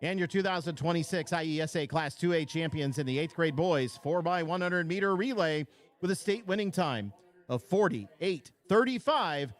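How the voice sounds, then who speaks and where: A man announcing awards at a track meet over a public address system, calling places, marks and schools, and stretching out the winners' names. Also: a little high. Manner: slow, drawn-out name calls.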